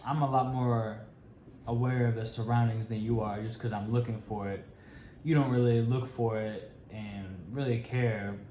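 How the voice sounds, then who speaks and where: A man's voice: mid-range voice, fairly even intonation, moderate pace, mellow. Slangy young American man in echoey room. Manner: informal, slangy. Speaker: co-host of a couple's Q&A. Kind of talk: casual chat. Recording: roomy echo, faint background noise.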